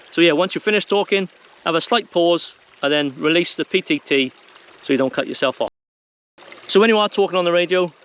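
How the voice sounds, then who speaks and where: Fairly high and a bit bright, the man's voice carries an informal instructional video. He addresses viewers plainly, as if just chatting.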